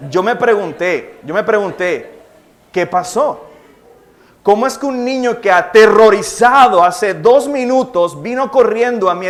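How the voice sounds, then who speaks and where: A young Colombian pastor with a high voice preaches in a church. He tells his stories vividly, and he keeps asking questions and answering them himself. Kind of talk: sermon. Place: church hall.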